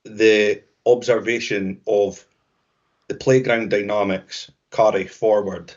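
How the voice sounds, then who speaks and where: A man's voice: on the low side, steady tone, slow, darkish tone. Lo-fi Scottish man, reflective chat. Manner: reflective, trailing restarts. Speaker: podcast co-host. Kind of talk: casual conversation. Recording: dull lo-fi sound.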